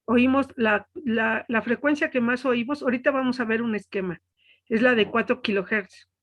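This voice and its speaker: A woman teaching an online class into her webcam. Her voice sits a little high as she explains each point step by step, checking in with her students as she goes. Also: moderate pace, a bit bright.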